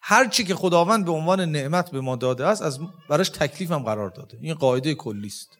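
High-pitched male lecturer teaching religion, explanatory with rhetorical questions. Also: expressive, fairly bright tone. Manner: explanatory, quotes Arabic verses and rhetorical questions.

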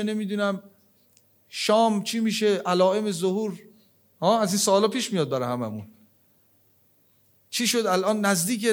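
A man preaching a religious sermon, his voice swinging between loud, emphatic questions and low, hushed lines, with Arabic verses and prayers quoted along the way.

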